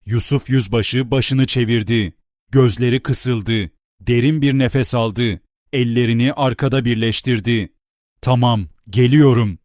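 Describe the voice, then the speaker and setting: A man reading a novel aloud as an audiobook narrator, in a steady, deliberate storytelling manner. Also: medium pitch, no room sound, studio quality.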